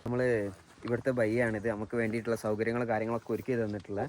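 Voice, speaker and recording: Low-voiced Malayali man mixing in English. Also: flat delivery, very fast. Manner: mixes English words into Malayalam speech. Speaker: travel vlogger. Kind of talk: casual walk-and-talk travel narration.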